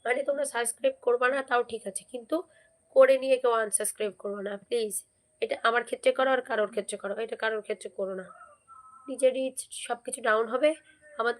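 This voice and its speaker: Hoarse woman on a live stream, kinda high voice, keeps asking everyone to comment n subscribe. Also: fast talker. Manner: chatty, keeps urging viewers to comment and subscribe. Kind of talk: casual live-stream chat.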